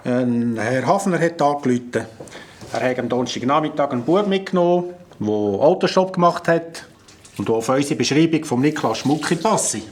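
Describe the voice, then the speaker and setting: This earnest desk policeman at a small station, from a children's radio play, is voiced by a man with a Swiss German accent in a noisy recording. His mid-range voice sounds animated yet close to how he normally talks, at normal speed. He delivers his lines plainly, with slight hesitation.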